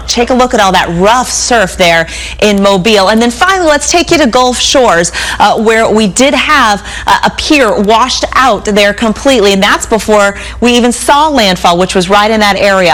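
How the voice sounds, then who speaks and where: A woman's voice: a little high, moderate pace, fairly bright tone. A woman weather anchor presenting a live news report on a storm, explaining conditions conversationally.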